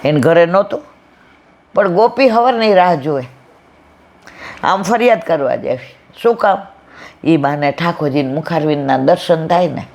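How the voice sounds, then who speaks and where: Older woman, leading a devotional discourse as a warm-paced storyteller. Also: deep voice, normal speed, long pauses. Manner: storytelling, acting out family anecdotes. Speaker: devotional speaker.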